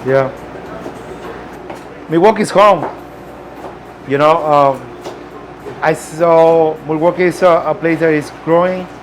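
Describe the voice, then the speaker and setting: A man from Peru with a Peruvian Spanish accent, a restaurant owner who pauses often to find his words while talking in his kitchen. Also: fairly high pitch, fairly even intonation, faint music behind. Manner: halting, searching for words. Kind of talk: casual interview.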